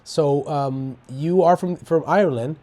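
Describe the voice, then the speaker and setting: Mellow-voiced man, chatting. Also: a little high, unhurried. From Latin America, Dominican Republic. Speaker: interview guest. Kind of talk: casual chat.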